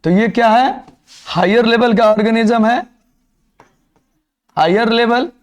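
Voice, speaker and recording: A man with a high-pitched voice lectures a biology class in a classroom. He keeps throwing questions at the students and answering them himself, switching freely between Hindi and English terms. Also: takes it slowly. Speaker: biology teacher.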